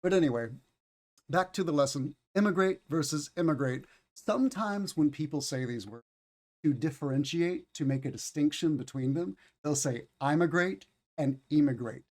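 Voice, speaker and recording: Southern American man, English teacher, slightly high voice, tired, patient, repeats words. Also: darkish tone. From United States. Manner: patient, explains slowly and repeats key words. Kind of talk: livestreamed online class.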